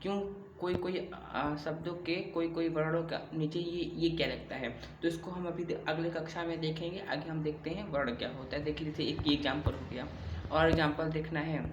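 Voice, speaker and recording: A man teaching a grammar lesson, explaining slowly and repeating himself, often asking a question before he answers it. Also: a little high, steady tone. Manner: slow, repetitive explaining with rhetorical questions. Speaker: Hindi teacher. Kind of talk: classroom-style grammar lesson. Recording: echoey room with faint background hum.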